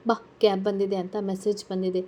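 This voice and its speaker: A woman's voice: mid-range voice, little pitch movement, brisk, warm tone, lightly acted. A woman voicing a confident, glamorous young female model student in a read-aloud story, talking in a breezy, assured way. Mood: apologetic. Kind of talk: storybook character reading.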